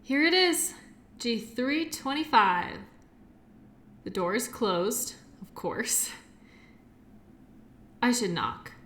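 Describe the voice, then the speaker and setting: In an audio roleplay, a woman fully voices a shy, awkward, kindly medical worker who speaks to the listener in a hesitant, rambling, apologetic way. Her voice is on the high side, sing-song and fairly bright, very slow with frequent pauses, and the mood is nervous and musing, with slight background noise.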